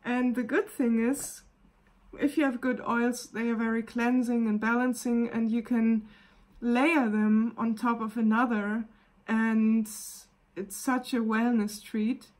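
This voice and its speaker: A woman with a German accent, a wellness coach gently talking through a casual live video demonstration and often pausing to search for words. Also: on the high side, level tone.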